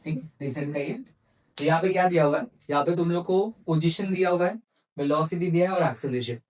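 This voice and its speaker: A man's voice: fairly high pitch, low-quality recording. A male physics teacher giving an exam-prep lecture in Hindi with English terms mixed in. He keeps asking his students questions and answering them himself.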